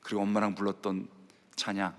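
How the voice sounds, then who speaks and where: A man preaching a sermon, telling a story in hushed tones and rising to fervent exhortation. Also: on the low side, little pitch movement, fast. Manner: storytelling preacher, voices people softly then rises to fervent exhortation. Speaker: pastor. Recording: long church hall reverb.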